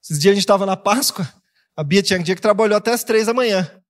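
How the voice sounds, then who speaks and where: A Brazilian man preaching a sermon as pastor, animated, acting out quoted voices with jokes along the way. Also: high voice, fast talker. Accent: Brazilian Portuguese. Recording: long hall reverb.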